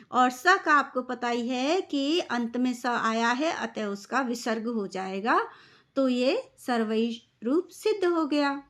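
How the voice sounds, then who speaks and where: Slow, high-voiced woman teaching grammar. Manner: patient, step-by-step rule recitation. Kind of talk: explanatory lesson.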